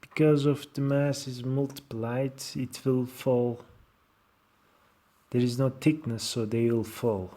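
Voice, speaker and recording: A man with a Turkish accent walks through an informal software tutorial. He speaks slowly, at a middling pitch, in halting and fragmented non-native English phrases. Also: little pitch movement. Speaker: tutorial presenter.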